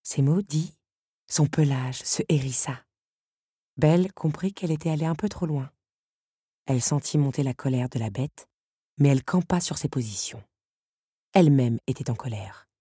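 A woman narrating an audiobook in a calm, measured storytelling manner. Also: extremely low pitch, husky, no room sound, clean studio sound. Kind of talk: scripted narration.

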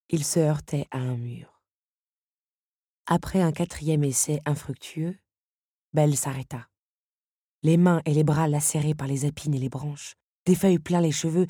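A woman reading a novel aloud as audiobook narrator, in an expressive, dramatic way. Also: sits low, slightly rough, dry recording, studio quality. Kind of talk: scripted narration.

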